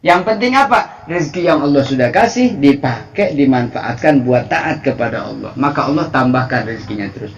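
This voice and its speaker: A young adult man with a Sundanese accent preaching a lively, playful sermon and acting out prayers. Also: medium pitch, moderate pace, hardly any pauses, dull audio. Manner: animated, playful, acts out prayers and voices.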